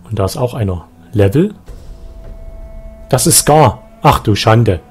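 A man with a Saxon German accent giving live let's play commentary, excitable, with loud outbursts and swearing at enemies. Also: on the low side, unhurried, breathy edge.

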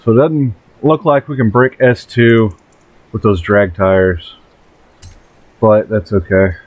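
A man in his late twenties, co-hosting a casual gameplay chat in a relaxed, laid-back way. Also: on the low side, takes it slowly, no room sound, narrow, tinny audio. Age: 20s. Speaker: gaming channel co-host.

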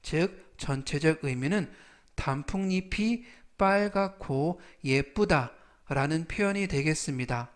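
Man teaching vocab, slightly high voice, very slow and patient, repeats every word. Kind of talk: slow explanatory lesson.

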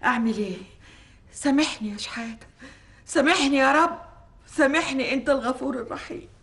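A woman's voice: sits high, quick pace, a bit bright. An actress playing a guilt-stricken, grieving Egyptian mother, lamenting with an Egyptian accent. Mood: anguished. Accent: Egyptian Arabic. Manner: anguished, lamenting.

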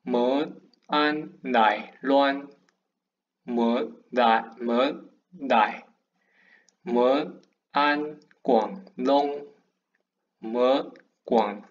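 A man with a Taiwanese accent reads practice words aloud in a halting, broken learner's manner. His pace is extremely slow, one word at a time. The recording is dull and lo-fi, with clicks. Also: mid-range voice. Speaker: language student. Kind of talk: reading pronunciation drills aloud.

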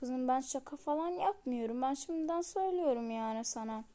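Woman doing a firm bossy dad in a high put-on voice, very matter-of-fact. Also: brisk, dark tone, a little hiss or hum, close to an everyday voice. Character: bossy middle-aged father.

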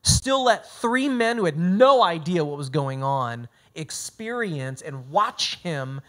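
A man's voice: a little high, lively intonation, takes it slowly, fairly bright tone. Earnest male pastor. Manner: earnest, emphatic, with frequent restarts. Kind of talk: sermon delivered as a conversation.

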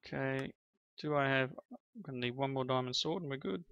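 Playing games with his children for his channel, this middle-aged father keeps up casual commentary and praises them along the way. His voice is mid-range, smooth, a bit bright and a little fast, with no echo and a slightly dull lo-fi sound.

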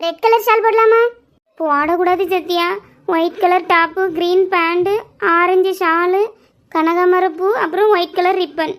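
A woman's voice: extremely high pitch, fairly even intonation, measured pace. A woman performing a one-woman comedy sketch, switching between a scolding mother, a whiny girl and a friend. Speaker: comedy sketch creator playing all the parts.

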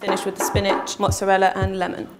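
A woman's voice: medium pitch, completely flat delivery, fast talker, background noise. A young woman from London cooking on a show, talking through her steps in a matter-of-fact way and playing the chef. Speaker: show host and contestant cook. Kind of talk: casual banter.

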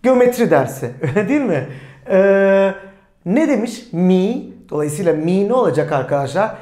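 An online language teacher with a lively, rising-and-falling delivery. They keep asking the viewers questions and answering them, and they slow down for clear model sentences. The voice rings with the echo of a bare room. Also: medium pitch. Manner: asks the viewers rhetorical questions and answers them, calling them friends; says German example sentences slowly and clearly.

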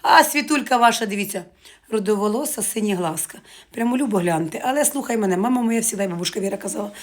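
Fast-chatting woman vlogger. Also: mid-range voice. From Ukraine. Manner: chatty, joking, addresses viewers as girls. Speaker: market vlogger. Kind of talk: casual live chat to viewers.

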